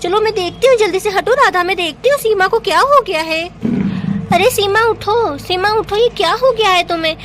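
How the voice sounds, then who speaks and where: A caring village mother fusses and gives firm orders in a high voice, as a woman puts her on. She scolds gently and takes charge in a home-made doll story. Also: brisk, a little hiss or hum.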